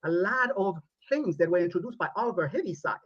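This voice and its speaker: A man from Romania, speaking in a formal, deliberate way as a podcast guest. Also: sits high, expressive, husky, muffled recording. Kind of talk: podcast interview played back.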